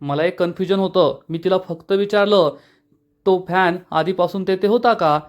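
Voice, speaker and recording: A young businessman hero in a serial retelling, read by a man. He asks measured questions and stays calm but firm. His voice sits fairly high. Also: natural voice. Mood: questioning.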